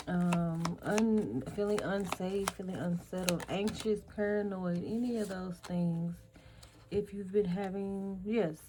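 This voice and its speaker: A woman with a low voice hosts an energy reading over some background noise. She speaks haltingly, pausing and using fillers as she lists words singly, and her voice is going, so she clears her throat over and over.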